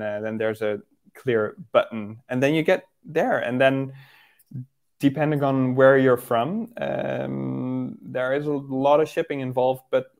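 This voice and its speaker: A man from the Netherlands talks as a guest on a podcast. His mid-range voice comes with plenty of ums, uhs and restarted sentences, in a relaxed, unscripted chat. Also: mid-range voice, vocal fry. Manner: hesitant, many fillers and restarts. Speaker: rowing photographer, guest. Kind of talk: casual interview chat.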